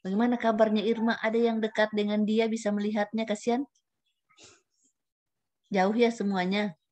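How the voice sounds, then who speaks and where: A woman's voice: medium pitch, little pitch movement, normal speed, darkish tone. A woman mentor guiding trainees in an online session, chatty, tagging many sentences with a questioning "ya". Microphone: camera at a computer.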